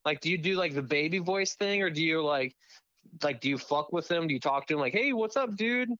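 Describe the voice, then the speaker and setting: A man casually co-hosting a podcast, an animated storyteller who swears and laughs often. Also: on the high side, a little fast, dry recording, highs cut off. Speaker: podcast co-host. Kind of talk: casual chat.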